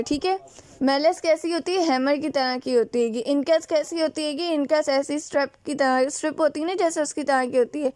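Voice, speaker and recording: A high-voiced woman teaches biology with a Pakistani Urdu accent. She explains step by step, keeps asking questions and answering them herself, and switches into English terms. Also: darkish tone. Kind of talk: classroom biology lecture.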